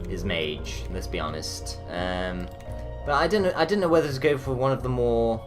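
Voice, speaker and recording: A man giving rambling, profane, joking commentary as he plays a game. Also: lowish voice. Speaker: let's play host. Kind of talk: gameplay commentary.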